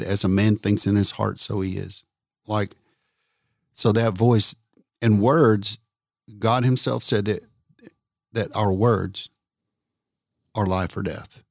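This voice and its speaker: A man hosting a casual faith talk, repeating words for emphasis like a preacher and slowing down on key points. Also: lowish voice, creaky, darkish tone, no echo, studio quality. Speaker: podcast host.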